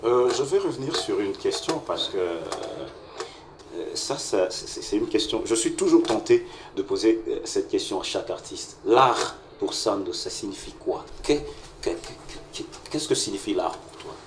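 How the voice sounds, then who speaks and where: A man's voice: fairly low pitch, lively intonation, unhurried. A man hosting a TV culture show, stammering and repeating words as he asks his questions. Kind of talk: interviewing a guest. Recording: echoey room, distant mic, faint noise.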